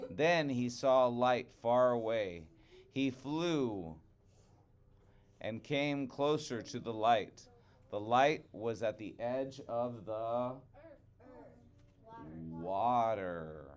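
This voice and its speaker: A man reading a picture book aloud to children as a storyteller, deliberate and expressive with dramatic emphasis. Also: mid-range voice, clean tone.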